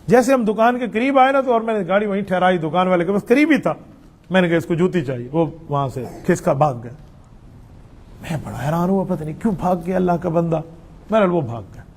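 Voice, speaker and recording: Middle-aged guy with a pretty high voice, chatty mufti answering questions, tells little stories. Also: lively intonation. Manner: conversational, explains patiently, tells anecdotes. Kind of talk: religious Q&A with storytelling.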